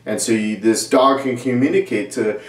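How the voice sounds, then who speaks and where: A man in his forties, a pastor giving a conversational sermon to camera in a small indoor studio set, with many restarts and animated gestures. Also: mid-range voice, normal speed. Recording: roomy echo, mic at a distance.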